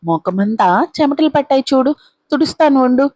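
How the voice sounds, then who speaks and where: A woman's voice: sits high, animated, fairly quick, mellow, no echo, studio quality, voice pushed up. A woman voicing a kindly older female household helper, talking in a fussing, motherly way.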